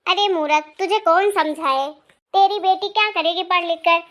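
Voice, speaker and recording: A woman voicing a nagging grandmother in an animated cartoon who scolds her granddaughter and favors her grandson. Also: very high-pitched, normal speed. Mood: scornful. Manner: scornful, nagging, sharp-tongued.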